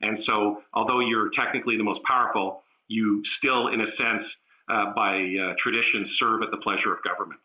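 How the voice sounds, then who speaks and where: A man giving a political analysis in a remote news interview, measured and halting, with frequent fillers and restarts. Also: on the low side, fairly even intonation, pushed and bright, low-quality recording.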